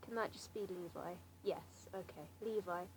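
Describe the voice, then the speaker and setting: A clearly noisy amateur recording of a young woman of about seventeen with a southern English accent. Her pitch is average for a woman. She rambles casually and hesitantly, with a wry, self-deprecating manner. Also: fairly even intonation, unhurried, a little mellow. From Slough, England. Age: late teens, seventeen. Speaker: amateur vlogger answering a challenge. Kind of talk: casual rambling chat to camera.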